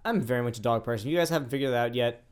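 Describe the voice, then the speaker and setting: A man's voice: medium pitch, rapid-fire, clean tone. A man co-hosting a casual podcast, joking in a laid-back way and often trailing off.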